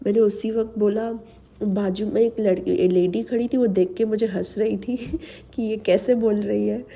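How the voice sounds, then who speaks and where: A woman shares a personal devotional testimony with her listeners, speaking slowly and earnestly. Her voice is dark and slightly husky, with a mildly sore throat, and she drops English words into her speech. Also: medium pitch, fairly even intonation. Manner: slow, earnest, mixes English words into Hindi. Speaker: devotional channel host. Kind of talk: personal testimony to a spiritual audience.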